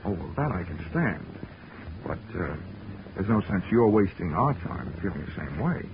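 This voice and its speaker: On a dull 1940s radio recording with music and a noisy background, an actor plays a wisecracking insurance investigator narrating his own case in the first person. His low-pitched voice is sing-song at normal speed, and his delivery is dry and wry.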